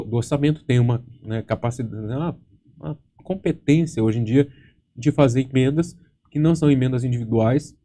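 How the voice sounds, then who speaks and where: A man with a Brazilian Portuguese accent hosting a live question-and-answer stream as an exam-prep teacher. He swears freely, tells jokey stories and tags nearly every phrase with a quick check word. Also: mid-range voice, warm tone. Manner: profane, joking storyteller, constant tag words. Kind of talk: casual live Q&A chat. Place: studio with green screen.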